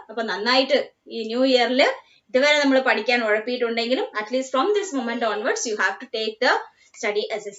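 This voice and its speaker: A woman teacher with a Malayali accent giving a slow class lesson, repeating each word patiently and switching into Malayalam to explain. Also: sits high, a bit bright. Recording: dull lo-fi sound.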